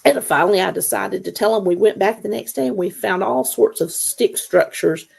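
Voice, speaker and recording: Husky woman telling a wild story. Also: medium pitch, normal speed. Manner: animated storyteller acting out quoted dialogue. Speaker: guest, Bigfoot investigator. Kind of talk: casual storytelling interview.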